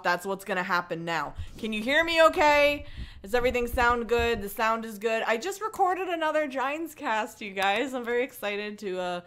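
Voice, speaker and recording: A livestream host with a smooth, sharp-toned, medium-pitched voice reads a book aloud, hamming it up mockingly. Chatty and irreverent, she swears and often drifts into asides between passages.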